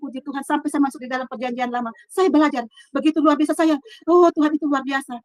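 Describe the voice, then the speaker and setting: A middle-aged woman gives an earnest personal testimony in her own room, her voice high and her words rushing. She halts and restarts often and swings between hushed and loud passages, recorded dry and close. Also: fairly even intonation, no room sound. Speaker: testimony speaker.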